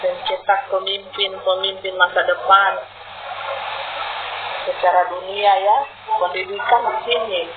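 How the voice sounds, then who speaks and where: A woman's voice: mid-range voice, level tone, measured pace, pauses often, very noisy. Woman preacher on a tinny live stream. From Sulawesi, Indonesia. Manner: chatty, laughs often, addresses listeners directly. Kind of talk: live-streamed sermon talk.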